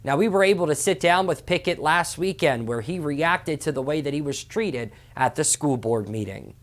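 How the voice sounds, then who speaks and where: Measured woman reading the news. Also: sits low, lively intonation. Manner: measured, formal delivery. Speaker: news anchor.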